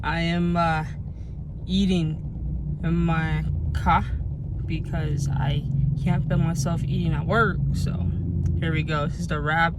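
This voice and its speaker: A young woman chatting casually through a food vlog, talkative and animated, laughing often. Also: deep voice, slow, very noisy. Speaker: vlogger. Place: in her car, then at home.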